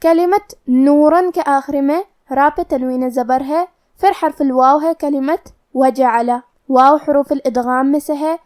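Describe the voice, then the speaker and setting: A woman with a high, light voice teaches tajweed, breaking each word down letter by letter. She explains every rule in a calm, measured voice-over, steady and patient. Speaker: Quran recitation teacher. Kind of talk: tajweed lesson, explanation and slow recitation.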